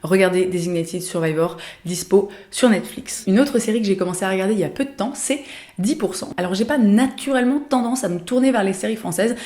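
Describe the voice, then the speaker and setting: Chatty young woman, mellow voice. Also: medium pitch, fairly quick, roomy sound. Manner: chatty, many hesitations and fillers. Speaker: lifestyle vlogger. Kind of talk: casual recommendations vlog.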